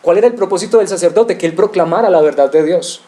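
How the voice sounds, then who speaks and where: Mellow-voiced male pastor preaching. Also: sits high, quick pace. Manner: preaching with rhetorical questions, direct address to the congregation. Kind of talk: expository sermon.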